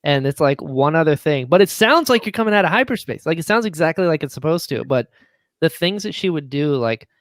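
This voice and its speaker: A man appears as a podcast guest, chatting casually and with real enthusiasm as he tells production stories, acting out quoted remarks mid-story. His voice is a little high, with lively intonation and a fairly quick pace. The studio sound is clean, with no room sound.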